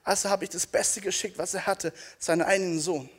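Ein junger Mann predigt energisch auf einer Bühne vor Publikum und stellt dem Publikum eindringlich rhetorische Fragen. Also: male voice, sits high, steady tone, brisk. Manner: emphatic, rhetorical questions to the audience. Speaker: preacher. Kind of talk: energetic youth sermon. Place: stage before a live audience.

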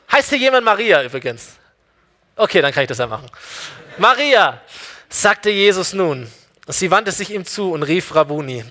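A man with a fairly high voice preaching an Easter sermon. He speaks directly to his listeners and swings from loud, urgent lines to hushed, drawn-out ones. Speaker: pastor.

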